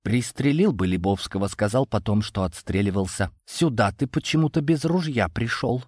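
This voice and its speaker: A man's voice: lowish voice, expressive, normal speed, a little mellow, no room sound, studio quality. A man voicing a suspicious young male student who speaks bluntly. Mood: accusing.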